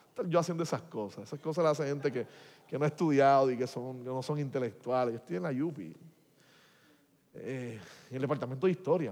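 Animated preacher in a hall. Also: male voice, fairly high pitch. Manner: animated storytelling, swinging from hushed to loud. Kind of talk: sermon testimony. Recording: long hall reverb.

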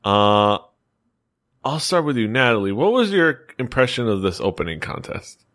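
A man's voice: mid-range voice, very animated, normal speed, fairly bright tone. A man hosting a casual podcast chat, rambling and chuckling as he talks. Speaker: podcast host.

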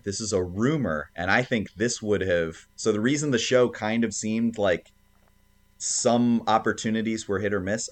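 Low-pitched man in casual podcast chat. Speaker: podcast co-host.

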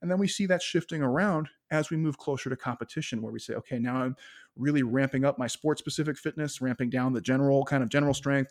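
A man speaking as a sports physiology consultant on a podcast, explaining training ideas one step at a time. His pitch sits in an ordinary middle range. He often checks in with a quick "right?" as he builds his points. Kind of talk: explanatory interview talk.

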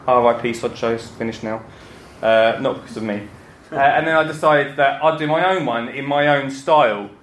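Male speaker, Essex accent, mid-pitched, informal and jokey stage presenter, roomy sound with some background noise. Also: moderate pace, a bit bright. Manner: chatty, joking, self-deprecating. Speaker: gardening podcaster and speaker. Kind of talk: informal stage talk to an audience. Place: indoor talk before an audience, roomy space.

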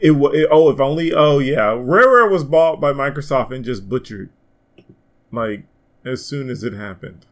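A man hosting a casual gaming podcast, animated and swearing freely as he rants about games. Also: mid-range voice, moderate pace. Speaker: podcast host.

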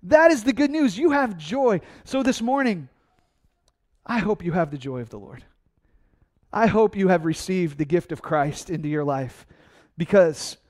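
A man preaching a sermon, energetic and conversational, asking his congregation questions and answering them himself. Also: fairly high pitch. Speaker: pastor.

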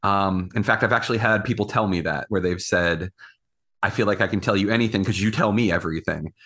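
Male podcast panelist, conversational and halting, forward bright tone on a lowish pitch. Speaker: podcast panelist and executive producer. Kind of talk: casual conversational chat.

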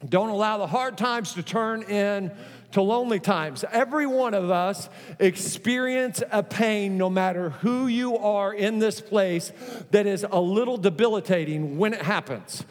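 A man with a high voice preaches a sermon in a large church auditorium, where his words trail off in long reverb. His delivery is emphatic and built on repetition, with joking asides mixed in. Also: unhurried. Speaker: pastor.

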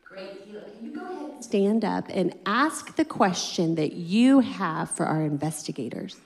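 A woman's voice: mid-range voice, animated, moderate pace. A woman leading children in a church skit, friendly and directing. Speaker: children's leader. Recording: far off in a reverberant hall.

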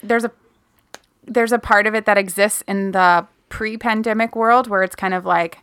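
Bright, eager young woman chatting. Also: medium pitch, normal speed, clean tone, dry recording. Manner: eager, excitable, trails off and restarts. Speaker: podcast co-host. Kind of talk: casual chat.

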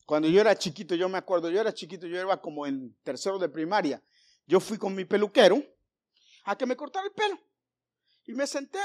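A middle-aged man preaching a sermon, telling stories with jokes and calling his listeners brothers. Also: high-pitched. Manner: storytelling with jokes, addresses congregation as brothers.

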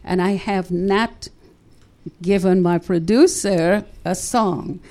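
Older lady hosting church radio in the studio, low mellow voice, lots of amens. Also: slow pace. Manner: warm preacherly interjections, praise the Lord. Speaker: radio show host.

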